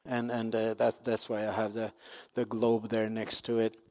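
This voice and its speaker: A man's voice: fairly low pitch, monotone, a little mellow. Swedish-accented older man in an echoing hall. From Sweden. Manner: halting, many fillers and restarts, earnest. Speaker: guest missionary speaker. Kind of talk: church talk. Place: church sanctuary. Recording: long reverb of a large hall.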